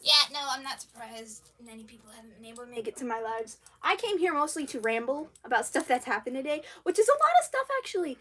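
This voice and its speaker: High, lively woman rambling excitedly. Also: husky. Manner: rambling, full of fillers and restarts; excitable, quick to laugh. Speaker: livestreamer. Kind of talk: rambling casual rant.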